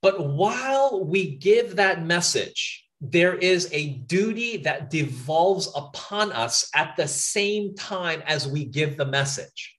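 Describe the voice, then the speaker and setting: A man's voice: fairly high pitch, expressive, slow pace, hardly any pauses, a bit bright. A man preaching a sermon at an outdoor camp meeting, earnest and emphatic, often repeating phrases and asking listeners to stop and think.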